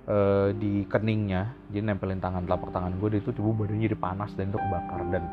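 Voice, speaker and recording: A man's voice: lowish voice, flat delivery, quick pace. A young man telling a personal story casually, emotional and blunt, swearing and mixing in English. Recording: lo-fi with music behind.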